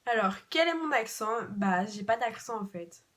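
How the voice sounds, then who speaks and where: A woman's voice: fairly high pitch, animated, moderate pace, a bit bright. A young woman from France answering viewer questions in a casual vlog, chatty and repeating words for emphasis. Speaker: vlogger. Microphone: camera mic.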